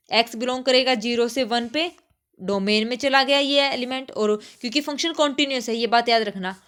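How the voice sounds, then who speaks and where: A woman teaching a math lesson, asking herself questions and slowing right down to spell out formulas. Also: mid-range voice. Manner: slows right down when dictating formulas, asks rhetorical questions. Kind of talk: exam solution lecture.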